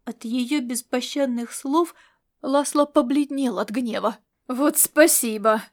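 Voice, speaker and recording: A woman narrating an audiobook in a steady, expressive storytelling manner. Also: high voice, a little slow. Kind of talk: scripted narration.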